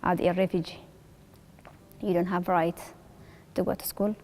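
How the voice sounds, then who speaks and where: A woman's voice: fairly low pitch, flat delivery, normal speed, darkish tone. A woman, a resettled refugee speaking earnestly in simple phrasing in a documentary interview. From Eritrea.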